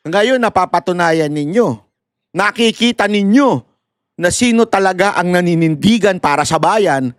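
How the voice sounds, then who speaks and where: Man, fairly high voice, dry close sound, mocking and animated. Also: moderate pace, smooth, no echo. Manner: animated and mocking, mixing Tagalog and English, laughing often. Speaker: political commentator. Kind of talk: live commentary addressing viewers.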